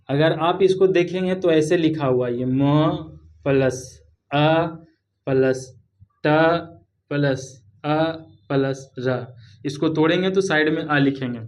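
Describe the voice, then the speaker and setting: A man teaching a spelling lesson with a Hindi accent, spelling words out letter by letter and patiently repeating them. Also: fairly high pitch. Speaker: English teacher.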